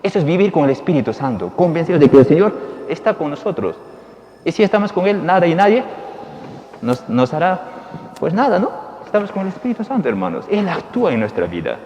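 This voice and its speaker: Priest preaching in an echoing church. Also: male voice, fairly high pitch, sing-song, fairly quick, lo-fi sound, slight background noise. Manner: folksy, questioning the congregation, swings between soft and loud. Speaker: Dominican priest. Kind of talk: homily at Mass. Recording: long reverb in a large hall.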